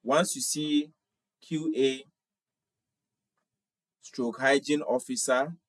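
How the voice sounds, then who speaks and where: With a medium pitch and a steady tone, a young Ghanaian man speaks slowly while hosting a casual livestream. He's in his twenties and reads viewer comments aloud, replying in a friendly way and often repeating himself, in a dry recording.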